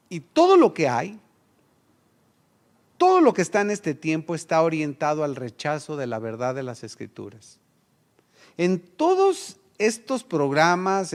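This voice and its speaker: A middle-aged man with a Mexican Spanish accent preaching a sermon, telling a personal story and acting out voices in quotes. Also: a little high. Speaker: pastor.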